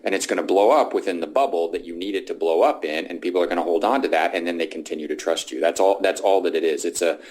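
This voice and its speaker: A man's voice: low voice, quick pace, hardly any pauses, a little mellow. A man joining a casual political podcast chat, explaining his views steadily and with confidence. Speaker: podcast panelist.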